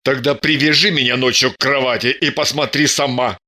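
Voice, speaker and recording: A man voicing a stubborn, indignant male detective in an audiobook, talking gruffly and scornfully. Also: mid-range voice, steady tone, brisk, pushed and bright. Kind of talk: dramatic audiobook reading.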